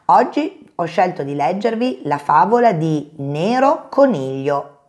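Teacher lady reading a kids' story, low voice, gentle and expressive. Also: a little slow. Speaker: preschool teacher. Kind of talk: reading a fairy tale to children.

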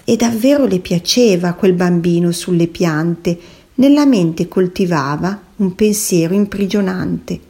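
Slow, mellow woman telling a rhyme. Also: on the low side. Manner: sing-song rhyming cadence, addresses children. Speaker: storyteller. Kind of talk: rhyming children's story narration.

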